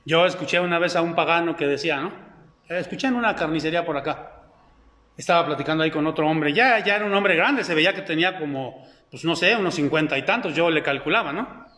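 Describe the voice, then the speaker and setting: A high-pitched man preaches to his congregation, stopping often to quiz the listeners. His voice carries through a reverberant church hall with a long echo tail. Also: fast talker, bright, forceful tone. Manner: keeps quizzing the congregation. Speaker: pastor. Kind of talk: sermon.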